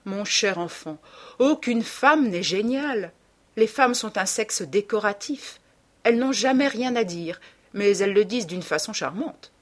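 A woman reading an audiobook and voicing a witty, cynical aristocratic gentleman who speaks in dry aphorisms. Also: medium pitch, animated, a little slow. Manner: languid, dryly witty, aphoristic.

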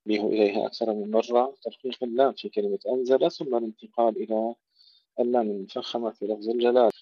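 Male Quran recitation teacher: slow chanted verses, careful word drills, dull dry recording. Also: medium pitch, level tone, no echo. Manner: recites verses slowly, then explains pronunciation rules; repeats words to contrast right and wrong pronunciation. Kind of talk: tajweed lesson with recitation.

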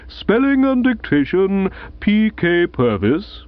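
A man putting on a stiff bearded headmaster, clipped formal announcing, lively pitch, dull recording. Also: slow pace, no room sound, exaggerated voice. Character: stiff bearded schoolmaster presiding over prize-giving.

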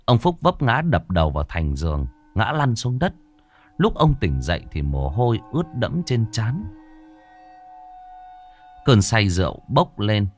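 Low-voiced male horror narrator, animated delivery, soft music bed. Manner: dramatic, expressive reading. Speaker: storyteller. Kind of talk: scripted horror story narration.

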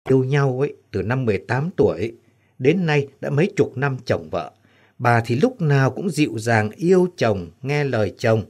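A man's voice: medium pitch, big pitch swings, moderate pace, darkish tone. A man voicing a devoted older husband who speaks fondly and reflectively, in an audio story.

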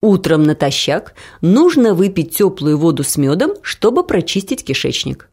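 A woman's voice: fairly low pitch, sing-song, normal speed, darkish tone, breathy edge, exaggerated voice. A woman reading the clipped, stern lines of a dry-humored female doctor. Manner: strict, clipped.

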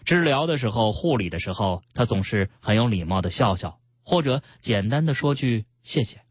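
A man, hosting a radio health show and reading a story aloud with calm, expressive storytelling. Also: lowish voice, moderate pace, breathy edge, no echo. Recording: dull radio broadcast.

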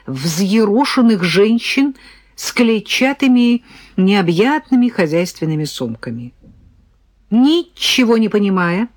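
A woman narrating a first-person audiobook story in a lively, expressive way. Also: medium pitch, no echo.

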